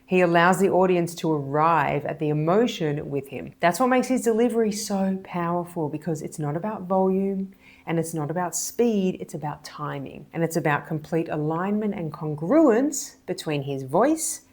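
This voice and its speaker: A woman hypnotist and body language coach explaining speaking techniques in a measured, deliberate, emphatic way. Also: fairly low pitch, lively intonation, darkish tone. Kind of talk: explanatory video lesson.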